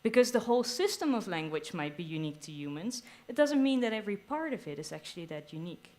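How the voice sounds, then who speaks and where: A woman's voice: medium pitch, very animated, fast, darkish tone. A young adult woman presents her research on stage at a science slam. She explains with enthusiasm and drops playful quoted asides. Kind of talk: lively explanatory stage talk. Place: live stage at a theater venue.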